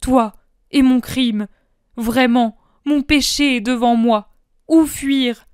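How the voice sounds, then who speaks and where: A woman's voice: on the high side, steady tone, a little slow, a little mellow, clean tone, no room sound, studio quality, lightly acted. A woman voicing a terrified, remorseful man begging for mercy, in a raised, pleading voice. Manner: pleading and frantic.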